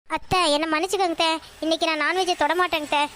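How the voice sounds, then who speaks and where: A meek young daughter-in-law with a very high, thin voice, apologetic and soft-spoken, played by a woman. Her speech carries a Tirunelveli Tamil accent over a faint hiss. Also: steady tone, very fast. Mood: pleading. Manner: polite, apologetic, pleading. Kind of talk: cartoon voice acting.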